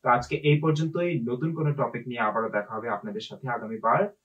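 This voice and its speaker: A man who works as a physical therapist, giving language-learning tips in a relaxed, conversational way, with frequent "ah" fillers and English words mixed into his speech. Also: medium pitch, a little fast, recorded from a distance, highs cut off. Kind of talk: casual explanatory video talk.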